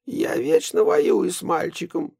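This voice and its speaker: A man reading an audiobook, voicing a fussy, tipsy, boastful elderly woman in a high, quavering voice. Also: huge pitch swings, slow pace, creaky, darkish tone, slightly rough, no room sound, clean studio sound, heavily acted. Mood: complaining. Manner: high quavering old-lady voice.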